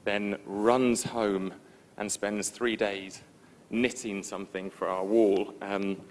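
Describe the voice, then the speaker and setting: A man giving a conference presentation in a relaxed, informal, self-deprecating way, with frequent ums. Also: fairly low pitch, takes it slowly, a little hiss or hum. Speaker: conference speaker. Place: conference stage before an audience.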